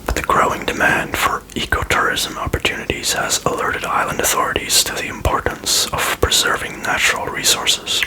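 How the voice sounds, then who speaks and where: A man reading aloud in a breathy ASMR whisper, with casual asides. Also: poor audio.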